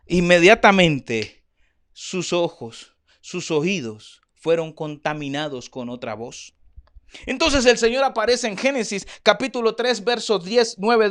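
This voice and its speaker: A man's voice: sits high, a bit bright. A man preaching a sermon as pastor, acting out Bible figures in changing voices.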